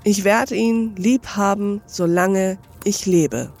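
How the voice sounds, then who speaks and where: A woman voicing a gleefully reformed elderly male miser with an excited, chuckling delivery in an audiobook reading. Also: medium pitch, takes it slowly, vocal fry, faint music behind.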